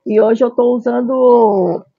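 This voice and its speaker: A woman's voice: a little high, fairly even intonation, takes it slowly, slightly rough, no room sound. Middle-aged woman explaining, thin phone-like sound. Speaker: video channel host. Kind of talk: explanatory vlog, partly read from a script.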